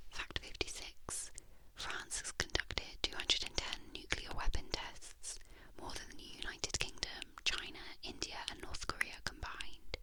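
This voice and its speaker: Someone whispering closely, right in the listener's ear, reading facts in a measured ASMR style into a binaural microphone. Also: rough recording. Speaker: ASMR narrator.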